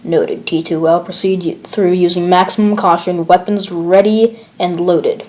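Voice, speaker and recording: A woman's voice: fairly low pitch, fairly even intonation, measured pace, a little mellow, close to an everyday voice. A stern male commander barking curt orders over the radio, as a woman reads him. He keeps it clipped and clinical, a voice of command in an amateur horror audio log.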